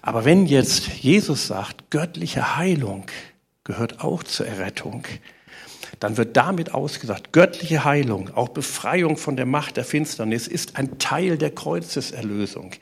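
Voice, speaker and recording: Male preacher, husky and gravelly, lively sermon delivery with questions to the room. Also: medium pitch, a little slow. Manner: animated preaching with rhetorical questions to the congregation.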